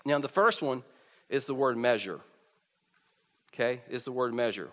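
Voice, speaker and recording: A man preaches informally to a congregation through a pulpit or stage mic on a PA, frequently tripping over the beginnings of his phrases. He talks at normal speed in a bit bright, medium-pitched voice. Long reverb fills the echoey hall.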